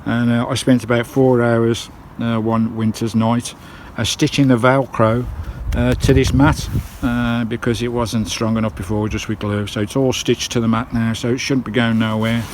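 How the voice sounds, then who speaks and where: Speaking at a moderate pace with hardly any pauses, a British man in a mid-range, fairly flat voice narrates an informal outdoor vlog around his campervan. He keeps calling his audience "guys," and the windy handheld audio carries loud background noise.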